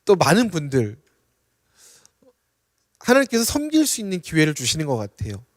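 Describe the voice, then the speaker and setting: A man's voice: a little high, huge pitch swings, moderate pace, dry recording, studio quality, long reverb tail. A young man preaching a sermon as a pastor in a church, earnestly asking the congregation questions and answering them himself. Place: church sanctuary.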